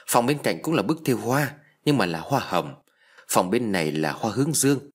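A man voicing a cheerful, easygoing young husband in a spoken ghost story, talking in a relaxed, dismissive way. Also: fairly low pitch, moderate pace, breathy edge. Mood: breezy.

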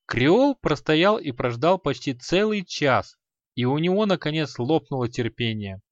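A man reading a fantasy story aloud in a measured, expressive storytelling manner. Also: fairly high pitch, dry recording, muffled recording. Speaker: audiobook narrator. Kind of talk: scripted fantasy narration.

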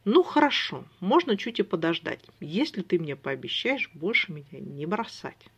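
A reader voicing an impatient, eager young woman who chatters fast and excitedly, in an audiobook. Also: mid-range voice, breathy edge, heavily acted. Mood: insistent. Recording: dull lo-fi recording.

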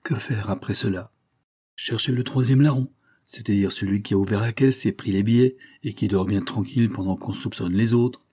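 A man reading aloud, voicing an eager, excitable young police agent who talks in exclamations. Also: on the low side, slightly rough. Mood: excited. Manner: exclamatory, eager, quick to enthusiasm.

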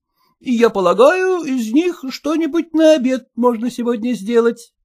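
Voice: medium pitch, animated, unhurried, a little mellow, natural voice. A reader voicing a fussy, stingy young husband who coaxes and then blusters, in a storybook reading. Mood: coaxing. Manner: coaxing, bossy, blustering.

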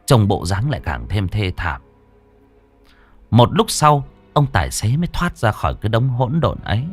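Give me a lively male ghost story narrator. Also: on the low side, normal speed, breathy edge. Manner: dramatic, expressive. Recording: dry studio voice with faint music.

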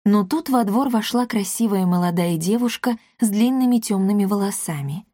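A woman narrating a fairy-tale audiobook in an even storytelling voice. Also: mid-range voice, normal speed, no echo, clean studio sound.

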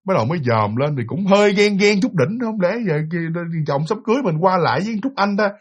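A man's voice: sits high, lively intonation, quick pace. A man with a Southern Vietnamese accent telling a ghost story in a chatty way, repeating words and talking to listeners. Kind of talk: casual spoken ghost story.

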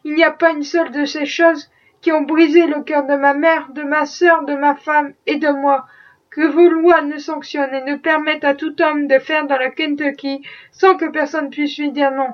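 A woman's voice: sits high, level tone, normal speed, recorded from a distance, lo-fi sound, close to an everyday voice. A woman voicing a desperate young enslaved man fleeing to freedom, with impassioned, defiant pleading.

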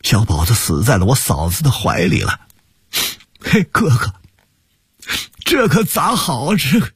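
A man's voice: mid-range voice, huge pitch swings, a little slow, a bit bright, husky, no room sound, studio quality, voice pushed up, heavily acted. A man doing a sobbing distraught younger brother.

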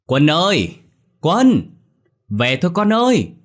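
A man voicing a frantic young mother who is calling loudly for her missing son. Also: fast talker, breathy edge. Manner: shrill calling out, panicked.

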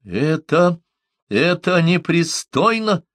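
A man's voice: medium pitch, lively intonation, moderate pace, no echo, studio quality, voice pushed up, lightly acted. A man voicing a flustered young English sailor who answers in startled, indignant exclamations.

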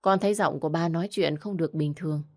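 A woman's voice: deep voice, fast talker, darkish tone, dry recording, clean studio sound, lightly acted. A woman voicing a polite young son who talks to his father with care. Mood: concerned. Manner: polite, caring.

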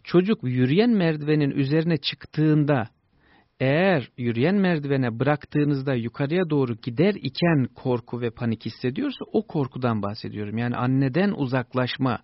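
A man hosting a radio advice show, calmly reassuring listeners and explaining child-rearing answers to their emails. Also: mid-range voice, moderate pace, no room sound. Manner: reassuring, explanatory, with lively stressed peaks. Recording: dull lo-fi broadcast, dry.

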